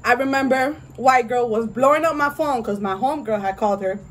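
A woman's voice: a little high, brisk. A young woman hosting her channel, chatting in a slangy, laid-back way while eating with friends. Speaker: channel host. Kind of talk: casual mukbang chat.

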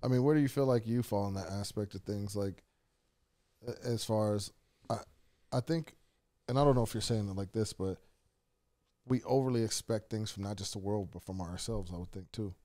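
A man's voice: on the low side, normal speed, warm tone. A man hosting a podcast in casual chat, motivational and swearing casually. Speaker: podcast host.

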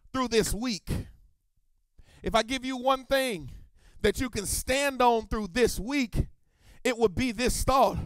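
A man preaching a sermon as pastor, stretching key phrases into a sung, drawn-out delivery. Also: extremely high pitch, fairly bright tone, no room sound.

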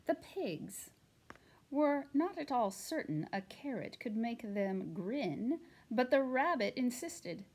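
A woman reading a children's picture book aloud in an expressive, animated way. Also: a little high, slow, husky. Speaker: storytime reader.

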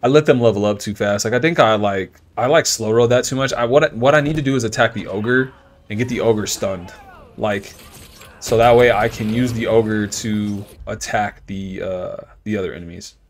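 A man giving casual live commentary on his game, swearing, thinking out loud and yelling in frustration at enemies while he chats with viewers. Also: fairly low pitch, moderate pace, a little hiss or hum. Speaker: video game streamer.

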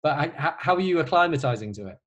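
A man's voice: on the high side, animated, fast. Middle-aged male host from Yorkshire, easygoing chatter full of fillers, headset-mic video call from home. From Yorkshire, England. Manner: chatty, frequent fillers and restarts. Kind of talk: casual video-call chat. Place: bedroom at home.

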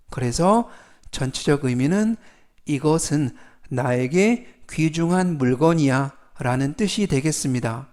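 A man's voice: fairly high pitch, a little mellow. A man teaching English vocabulary in a formal, polite way, repeating each word three times and explaining its meaning step by step. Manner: formal polite speech, stretches English words slowly. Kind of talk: slow, methodical vocabulary lesson.

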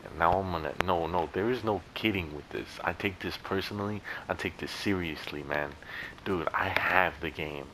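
A man's voice: low-pitched, moderate pace, a bit bright, a little hiss or hum, low-quality recording. A young man in casual gameplay commentary, rambling and joking with friends on chat. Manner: rambling, joking, yelps and laughs at the game. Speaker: gameplay YouTuber.

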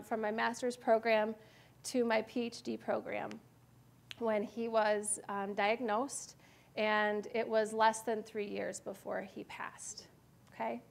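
A woman's voice: fairly high pitch, little pitch movement, slow pace, creaky. A woman in her thirties giving an earnest, reflective adult education lecture in a church meeting room, often checking in with her listeners. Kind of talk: personal lecture with slides. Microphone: far camera in room.

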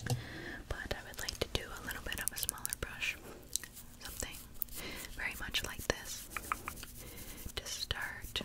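Very slow whispering woman, tingly mouth sounds. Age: 20s. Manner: soothing, slow, repeats soft words. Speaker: ASMR artist playing a face painter. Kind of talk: whispered role-play. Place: indoor room at home. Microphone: close to the mic, face near camera.

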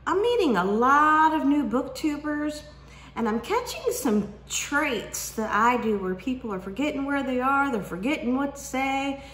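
A woman in her 40s who vlogs about books chats casually to the camera from her kitchen, teasingly drawing out her questions. Her voice is high-pitched, animated and a bit bright, with a slightly slow pace. The camera sits at desk distance, and the roomy kitchen adds echo.

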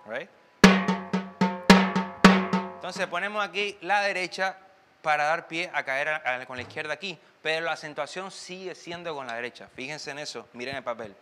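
In a big-sounding room with loud music playing, a timbal teacher speaks at normal speed in a higher voice, leaving long pauses. His casual online lesson is loose and chatty, and he sways while talking, now and then singing the drum patterns.

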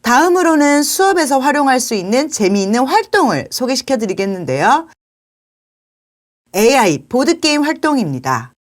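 A young adult woman, a teacher, walking through a learning app in a polite, clear, explanatory scripted presentation. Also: high-pitched, big pitch swings, normal speed. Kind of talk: scripted product walkthrough.

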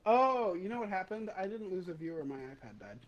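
A young man streaming a VR ghost game with friends, excitable and swearing, laughing often. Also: high voice, fast talker, lo-fi sound, crowd noise. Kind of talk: casual gaming chat with friends.

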